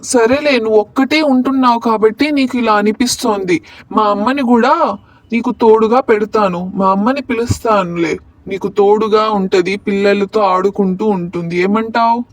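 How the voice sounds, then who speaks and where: A woman's voice: mid-range voice, moderate pace, no room sound, recorded from a distance, lightly acted. A woman voicing a worried young family man in a cartoon, who talks earnestly and pleads for help. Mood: reassuring.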